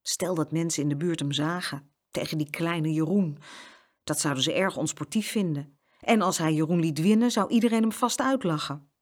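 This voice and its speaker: A woman reading a children's story aloud as narrator, with expressive storytelling. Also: sits low, moderate pace.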